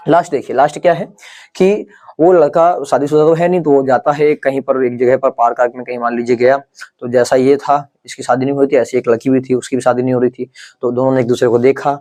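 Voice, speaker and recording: Mellow-voiced man teaching chemistry. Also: mid-range voice, level tone. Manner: checks in with "clear?" and "ok?" after each point; slows right down to spell out mnemonics syllable by syllable. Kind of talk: exam-prep lecture with memory tricks.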